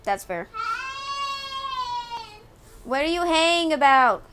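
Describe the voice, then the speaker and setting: A woman's voice: sits high, expressive, takes it slowly, noisy background. A woman streaming a video game live, chatting casually in a profane, exasperated way. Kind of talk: casual live gameplay commentary.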